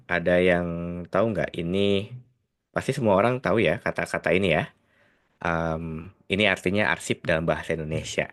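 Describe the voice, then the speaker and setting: A man with a Sundanese accent and a very deep, low voice gives a relaxed tutoring lesson to the camera. He talks in a loose, chatty way, hesitates often, tacks tag words onto his sentences and slips English phrases in between. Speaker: IELTS tutor. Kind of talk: casual video lesson.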